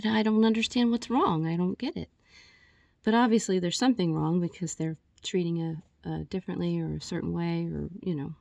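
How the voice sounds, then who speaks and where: Lady talking into her phone, kinda out of breath, rambly and honest, low-ish voice, dry close sound. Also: creaky, darkish tone, no echo. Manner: rambling, candid, with frequent restarts and fillers. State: a little out of breath. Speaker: vlogger. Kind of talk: personal video message.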